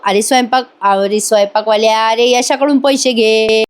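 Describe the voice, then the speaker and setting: A man's voice: high voice, steady tone, normal speed, clean tone, natural voice. A woman voicing a jubilant older village man chanting invitations. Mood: cheeky. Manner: sing-song chanting announcement.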